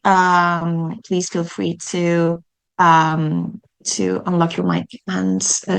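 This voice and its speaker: Smooth-voiced woman moderating a video call. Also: mid-range voice, a bit bright. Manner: hesitant, many fillers, polite thanks. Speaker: online session moderator. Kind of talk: hosting an online event.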